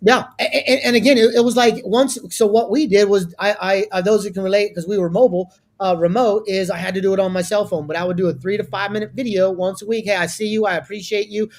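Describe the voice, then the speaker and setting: A man's voice: sits high, fast talker, hardly any pauses. Emphatic man giving business advice. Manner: energetic, repetitive restarts, emphatic. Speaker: guest.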